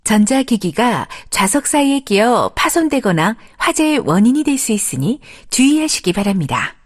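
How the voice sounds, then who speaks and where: A woman's voice: fairly high pitch, sing-song, normal speed. A woman reading a scripted plane cabin safety announcement in a formal, polite way, as a flight attendant.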